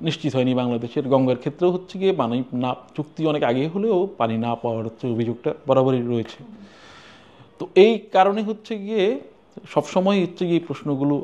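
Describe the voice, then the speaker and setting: Male analyst, rapid delivery, dull lo-fi line, explanatory news commentary. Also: mid-range voice, darkish tone. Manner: fast, repeats a verbal filler phrase. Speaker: correspondent.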